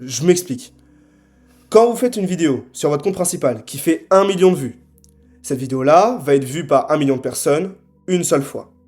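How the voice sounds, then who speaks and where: A young man giving a scripted sales pitch to camera, assertive and punchy, often tagging his sentences with quick check-ins. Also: lively intonation, a little mellow. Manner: assertive, punchy, frequent tag questions. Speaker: marketing consultant.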